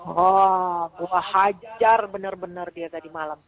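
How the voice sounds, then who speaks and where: A woman's voice: fairly low pitch, steady tone, takes it slowly. A woman venting on a phone call in an agitated way, quoting herself and others. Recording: tinny phone-line recording.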